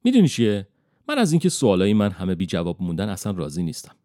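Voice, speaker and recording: A man voicing a young woman, the daughter of a witch, who is guarded and proud and talks in a brisk, bargaining way. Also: deep voice, huge pitch swings, dark tone, no room sound, studio quality.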